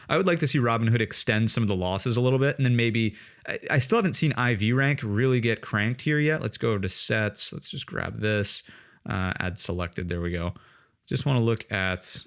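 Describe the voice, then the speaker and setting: A man with a fairly low voice explains stock charts in a relaxed, conversational way. He fills his talk with "uh" and "right?" as he clicks through a screen share. He sounds like he is speaking into a desk microphone. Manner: conversational, lots of fillers and "right?" tags. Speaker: trading educator. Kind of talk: screen-share market analysis.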